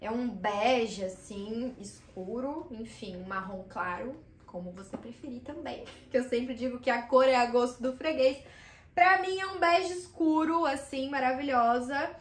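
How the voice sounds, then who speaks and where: A woman's voice: a little high, measured pace, a little hiss or hum. A young woman, chatting enthusiastically about thrift finds in a casual vlog, full of fillers and asides. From Brazil. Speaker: vlogger showing thrift finds. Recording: roomy echo in a small room.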